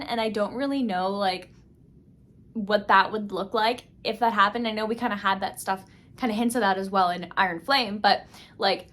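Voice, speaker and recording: A young woman giving an excited, gushing book review vlog, full of fillers and laughter. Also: medium pitch.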